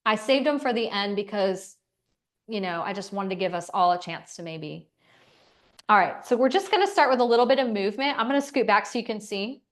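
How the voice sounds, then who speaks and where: A woman instructor leading an online class through gentle movement and breathing, with soft, calm cues. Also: medium pitch, a little fast. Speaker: exercise instructor.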